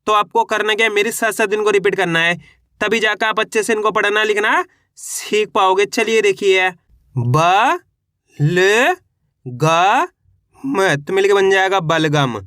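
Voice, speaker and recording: A man's voice: high voice, fairly even intonation, moderate pace, pushed and bright, dry recording, clean studio sound. A man teaching beginners to read, sounding out each syllable and repeating words in an encouraging way. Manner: encouraging, addresses viewers as friends. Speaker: Hindi reading teacher. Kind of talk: online reading lesson.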